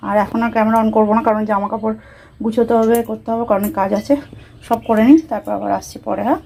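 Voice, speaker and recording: A woman's voice: fairly high pitch, steady tone, quick pace, vocal fry, warm tone. A woman chatting casually through a home vlog, talking through her chores and cooking as she goes. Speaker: vlogger. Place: home kitchen. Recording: noisy room with frying sounds.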